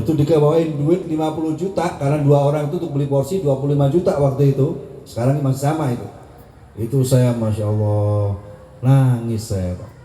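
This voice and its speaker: A man's voice: mid-range voice, mellow, echoey room, a little hiss or hum. A man in his thirties giving an emotional religious address to a gathering, telling a personal story and often calling on listeners as sir. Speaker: preacher at a hajj send-off gathering.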